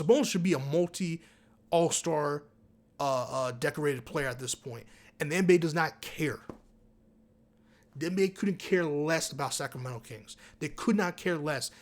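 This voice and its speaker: Male sports commentator, heated profane rant, repeats points, voice a touch high. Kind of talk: ranting basketball commentary.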